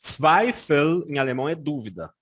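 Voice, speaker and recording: A Brazilian man teaching German in a casual lesson, often checking in with "tá?" and saying German examples slowly and carefully. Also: a little high. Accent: Brazilian Portuguese. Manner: lively, frequent "tá?" check-ins, slow careful German examples. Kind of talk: casual explanatory language lesson.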